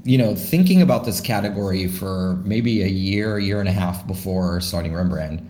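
A startup founder, interviewed as a guest, talks through his ideas in a slightly low, mellow voice. He's thoughtful and loose, full of "you know" fillers and restarts, and a roomy echo suggests an open room.

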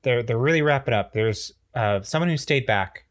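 A comedy podcast host explains a game in a rambling, playful way packed with fillers during casual comedic chat. His voice is mid-range and animated, at a normal speed.

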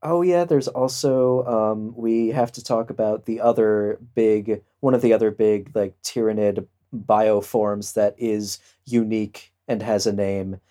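A man's voice: fairly low pitch, steady tone, a little slow, hardly any pauses, dark tone. A man co-hosting a podcast, rambling and joking in a casual chat, laughing often. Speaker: podcast co-host.

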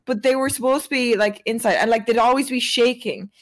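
A woman's voice: fairly high pitch, a little fast. A woman streamer, chatting casually and rambling with many fillers. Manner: rambling, heavy use of "like". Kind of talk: casual storytelling chat.

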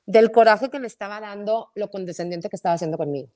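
A woman, a podcast guest who tells a story in lively casual conversation, acting out the dialogue and slipping in English phrases. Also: mid-range voice, fast talker. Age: 40s. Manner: animated storyteller, acts out quoted dialogue, mixes in English phrases.

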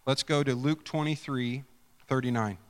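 A man's voice: medium pitch, steady tone, normal speed, in a large hall. A man preaching a conversational sermon, chatty and self-interrupting, quizzing his congregation. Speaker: pastor.

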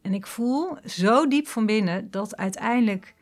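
A woman's voice: a little high, a little slow. A woman coach and trainer in a conversational interview, speaking earnestly and reflectively with frequent hesitations.

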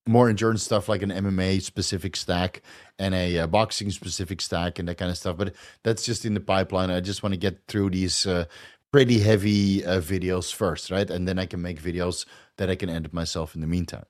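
This deep, steady, brisk male voice belongs to a Dutch-accented host from the Netherlands. He runs a relaxed livestream Q&A, fielding viewer questions, thanking donors, and frequently cursing and laughing.

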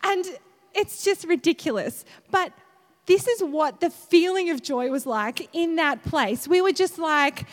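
A woman in her thirties preaching in a church hall, her very high voice carrying a long reverb. She tells a personal story in an animated way and laughs often as she goes. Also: a little slow. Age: 30s.

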